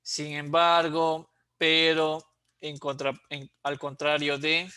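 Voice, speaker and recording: A man's voice: on the high side, flat delivery, slow, bright, forceful tone, clean tone, dry recording. A man teaching an exam prep lecture, explaining patiently and checking in often with "¿sí?".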